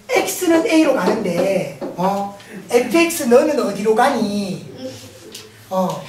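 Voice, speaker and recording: A woman with a Gyeongsang Korean accent teaching a math lecture, playful and often laughing as she questions the class. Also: very high voice. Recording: roomy, distant mic, noisy.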